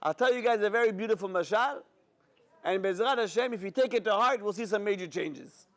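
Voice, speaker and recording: A man giving a sermon as a rabbi, an animated storyteller who talks straight to his audience. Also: high-pitched, fairly quick. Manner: animated storyteller, acts out dialogue, addresses audience directly.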